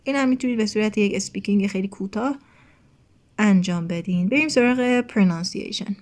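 A woman from Iran teaching an English lesson online. She explains patiently with many fillers, slips English phrases into her talk, and clears her throat as her voice starts to go hoarse. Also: mid-range voice, darkish tone.

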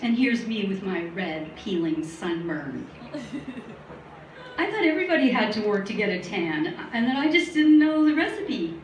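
A middle-aged woman performing a stand-up comedy set with deadpan, self-mocking asides in a small studio. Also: mid-range voice, moderate pace. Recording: roomy, distant live recording with faint noise.

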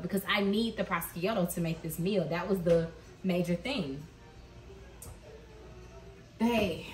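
Her voice is mid-range and fairly bright as this mom vlogger, in her thirties, chats with viewers while cooking dinner indoors. She laughs often through her story, and the camera sits across the echoey kitchen, picking her up from a distance.

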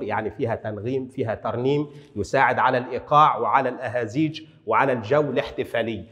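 Here a male Arabic lecturer with a mid-range voice teaches grammar the way he would in a classroom, explaining patiently and reciting poetry at a slow pace. Formal Arabic alternates with Egyptian colloquial asides, and the hall adds a long reverb.

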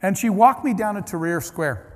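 A man's voice: high voice, lively intonation, moderate pace. A man giving a conference keynote, telling stories in a conversational, anecdotal way with restarts and asides. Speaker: keynote speaker. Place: large conference hall. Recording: long hall reverb.

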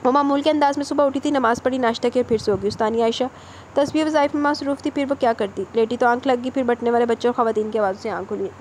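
Brisk, high-voiced woman narrating a novel. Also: a little mellow, a little hiss or hum. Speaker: audiobook narrator. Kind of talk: novel reading with character dialogue.

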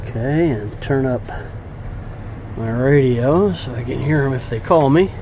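A man working as a truck driver, narrating a casual vlog and muttering quietly to himself as he works in his truck cab. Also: mid-range voice, unhurried. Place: truck terminal lot at night, then inside a truck cab. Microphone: handheld phone camera. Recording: phone recording with engine and yard noise.

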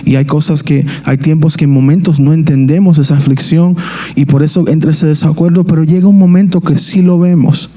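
A man, preaching a sermon in a church, earnest and halting, often restarting his phrases. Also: a little high, fairly even intonation, dark tone. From Dominican Republic. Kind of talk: sermon with personal testimony.

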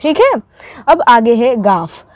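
A woman's voice: a little high, animated, slow, no echo. A woman teaching a beginners' writing lesson, patiently walking students through each letter stroke by stroke and repeating her checks. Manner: patient, repeats "ठीक है" and "आप लोगों का". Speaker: Urdu teacher. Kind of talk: step-by-step handwriting lesson.

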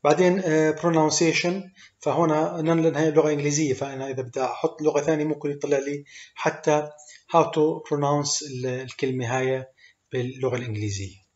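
Male coding tutor, slightly high voice, muffled lo-fi sound, walks through each step. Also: steady tone, a little fast, a little mellow. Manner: explains step by step with many fillers, mixing English code terms into Arabic. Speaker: programming instructor. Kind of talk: screen-recorded coding tutorial. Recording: echoey room, dull lo-fi sound.

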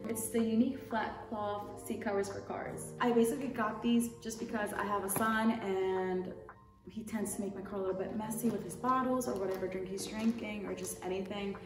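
With a steady tone and moderate pace, a young woman's mid-range voice carries a casual, slightly rambling product haul she presents to camera as a lifestyle YouTuber. Background music, a distant mic and roomy echo mark the recording from an indoor room.

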